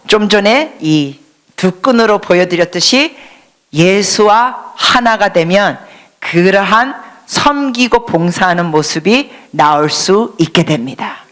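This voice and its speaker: A woman's voice: mid-range voice, expressive, a little slow, fairly bright tone. A woman missionary preaching a sermon in church, quizzing the congregation and dropping to a whisper for emphasis. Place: church service before a congregation.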